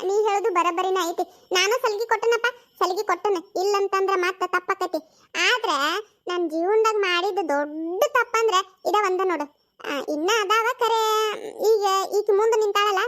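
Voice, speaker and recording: A performer doing a squeaky, complaining cartoon aunt with a North Karnataka accent. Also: pushed and bright. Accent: North Karnataka Kannada. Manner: complaining, lecturing tone.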